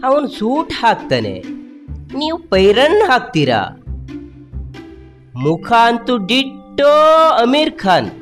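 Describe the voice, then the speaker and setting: A whiny, scheming comic servant. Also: male voice, extremely high pitch, huge pitch swings, slow, long pauses, faint music behind, heavily acted. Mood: wheedling. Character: grumbling comic servant, sly flatterer. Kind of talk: comic film dialogue.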